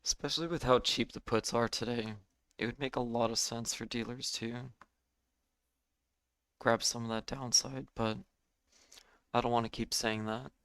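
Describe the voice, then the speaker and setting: A man with a hoarse, failing voice giving halting live trading commentary as host of a stream. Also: mid-range voice, steady tone, a bit bright, dry recording. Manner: halting, with fillers and throat clearing. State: hoarse, losing his voice. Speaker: day trading livestream host.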